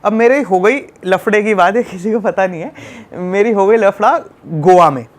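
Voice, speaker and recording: High-voiced young man from telling a story. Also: moderate pace. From Delhi. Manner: animated, emphatic, repeats phrases. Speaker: podcast guest. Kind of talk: casual storytelling chat.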